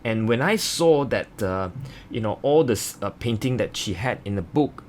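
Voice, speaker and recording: A man's voice: fairly low pitch, expressive, normal speed, a little hiss or hum. A man giving a casual watercolor tutorial as an art instructor, explaining in an informal, hesitant, meandering way.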